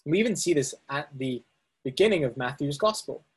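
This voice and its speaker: A man leads a Bible study, working step by step through slides on a screen, with fillers and restarts along the way. His voice is fairly high, lively, somewhat quick, and slightly rough, captured as a presentation recording.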